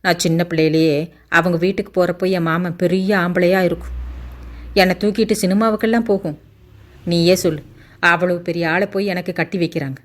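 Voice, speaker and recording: A woman voicing a sharp-tongued, quick-tempered 18-year-old village girl in a Tamil audiobook. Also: fairly low pitch, steady tone, natural voice. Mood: aggrieved. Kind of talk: audiobook character voice.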